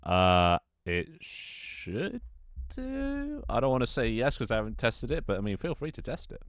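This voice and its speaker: Clean studio audio with no room sound captures a young man chatting while he streams a game. His medium-pitched voice swings widely in pitch and runs a little slow. He rambles to viewers and himself during setup, frequently restarting and laughing.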